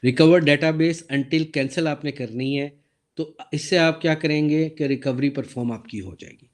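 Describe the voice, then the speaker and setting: A man lecturing on databases with a sore throat and an occasional cough, explaining step by step, asking the class questions and reading slide text aloud slowly. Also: fairly high pitch. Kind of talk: recorded lecture over slides.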